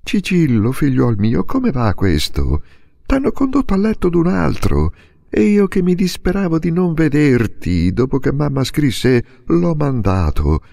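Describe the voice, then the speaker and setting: Male reader voicing an effusive peasant dad in a storybook; higher than his own voice, gravelly, bustling. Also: wildly swooping pitch, a little slow, dark tone, no echo, clean studio sound, full character voice. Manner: effusive, exclamatory. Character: peasant father, warm, overjoyed and bustling.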